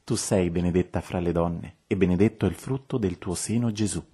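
Man, very deep voice, recited rosary prayer, steady and measured. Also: breathy edge.

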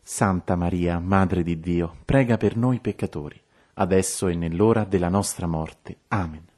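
Man, very deep voice, recited rosary prayer, steady and measured.

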